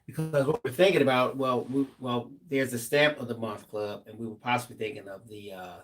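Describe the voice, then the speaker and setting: A man co-hosting a live craft stream, reading viewer comments aloud with relaxed, joking asides. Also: mid-range voice, brisk. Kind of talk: live stream co-host chat.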